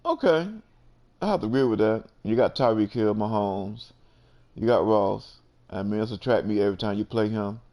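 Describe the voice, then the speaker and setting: A man with a low, gravelly voice hosts a relaxed sports chat. He keeps it loose and easygoing, dropping "you know" between thoughts as he lays out his picks. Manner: laid-back, peppered with "you know". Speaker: host.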